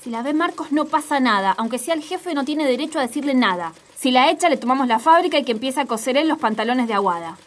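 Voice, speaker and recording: Defiant foul-mouthed coworker. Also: female voice, high voice, expressive, quick pace, few pauses. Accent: Argentine Spanish. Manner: blunt, foul-mouthed, rebellious. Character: outspoken young female coworker, defiant. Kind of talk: comic audio sketch acting.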